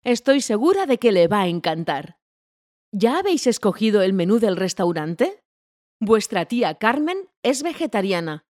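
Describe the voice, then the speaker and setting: Woman asking lively questions. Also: medium pitch, moderate pace. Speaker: dialogue reader. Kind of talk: scripted language-learning dialogue.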